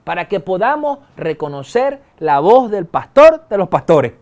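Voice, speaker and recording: A middle-aged male pastor, preaching a sermon in a conversational way, with colloquial asides and sudden quick bursts. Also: sits high, very animated, darkish tone. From Venezuela.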